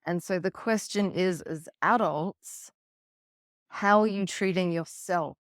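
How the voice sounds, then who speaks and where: A woman coach giving an earnest teaching talk on emotional self-care, speaking slowly and deliberately and swearing now and then. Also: fairly low pitch, no room sound, studio quality. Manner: earnest, slow and deliberate, acts out quoted voices, swears casually. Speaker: relationship coach.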